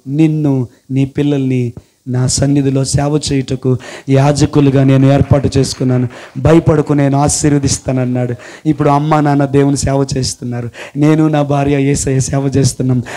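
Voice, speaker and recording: A man's voice: a little high, warm tone. A young man giving an impassioned testimony sermon, breaking in often with hallelujahs. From India. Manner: fervent, punctuated with repeated hallelujahs.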